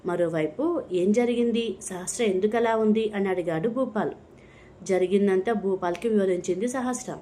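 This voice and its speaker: A woman reads a storybook aloud in a steady, even manner, touching the dialogue only lightly. Her voice is mellow and dark, set at a middle pitch. A faint noise runs underneath the recording. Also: normal speed. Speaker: narrator. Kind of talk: scripted storybook narration.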